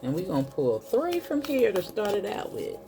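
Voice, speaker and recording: A woman's voice: mid-range voice, wildly swooping pitch, moderate pace. A woman doing a casual spiritual card reading, chatting to her viewers and calling them y'all. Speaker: tarot reader. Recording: soft music in the background.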